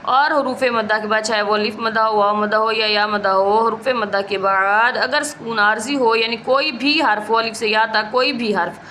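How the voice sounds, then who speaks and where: उजली आवाज़ वाली शिक्षिका, धीरे-धीरे नियम समझाती हुई. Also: female voice, a little high, fairly even intonation, moderate pace, hardly any pauses, sharp tone, a little hiss or hum. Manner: methodical, repeats each rule. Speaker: Quran recitation teacher. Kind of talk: step-by-step recitation rules lesson.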